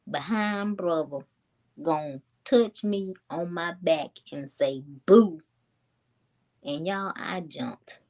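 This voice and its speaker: A young woman tells a story to her viewers in a low, easy voice. She is chatty and animated, speaking casually and calling her audience "y'all.". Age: 20s. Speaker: vlogger.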